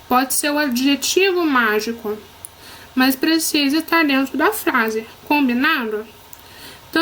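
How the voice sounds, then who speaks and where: Woman, Brazilian Portuguese accent, teacher, high voice, slow, patient, encouraging. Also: a bit bright, rough recording. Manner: patient, encouraging, checks in often. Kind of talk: recorded lesson for children.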